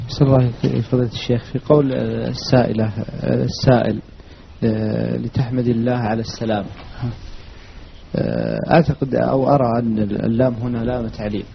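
A man's voice: medium pitch, fast, gravelly. A man at a lesson tentatively arguing a grammar point with the teacher, with many fillers. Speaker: student raising an objection. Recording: lo-fi recording with faint background noise.

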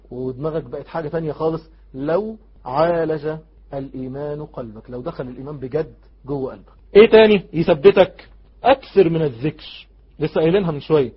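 A man with an Egyptian accent delivers an Islamic sermon in a husky, high voice. He rushes through his points, then drops to a near hush when pleading. The audio is dull and lo-fi. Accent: Egyptian Arabic. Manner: shifts from loud exhortation to hushed, intimate pleading. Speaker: preacher.

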